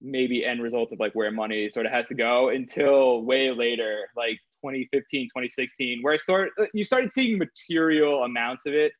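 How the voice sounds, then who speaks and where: A man speaks in a relaxed, meandering way, piling up filler words as he goes. His voice sits at a middling pitch and sounds dry and a little dull, as if recorded with a modest setup. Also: normal speed, hardly any pauses, no echo. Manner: rambling, heavy use of filler "like". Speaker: guest, crypto trader. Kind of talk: casual interview talk.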